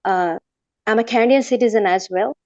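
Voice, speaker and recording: A woman's voice: mid-range voice, a little fast, no echo, highs cut off. A woman in her forties from Bangladesh, asking questions on a video call in a hesitant way with many fillers. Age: 40s.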